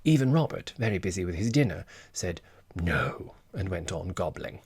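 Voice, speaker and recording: A man reads a comic novel aloud in a measured, wry narrating voice. His pitch sits on the low side with a slightly husky texture. The recording is dry and close, with no room sound. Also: animated, warm tone, dry recording. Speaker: audiobook narrator.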